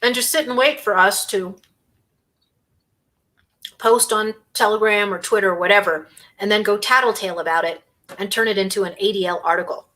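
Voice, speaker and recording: A woman hosting a casual livestream in a bright, sharp voice. She talks with biting sarcasm and scorn. She sometimes chews on food between remarks. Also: mid-range voice, normal speed, pauses often. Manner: eating while talking. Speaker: host.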